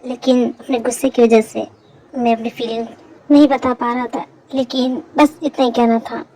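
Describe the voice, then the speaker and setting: A woman's voice: on the high side, level tone, normal speed, dark tone, slight background noise, lightly acted, poor audio. A woman voicing a remorseful young man. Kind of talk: amateur Hindi fan dub.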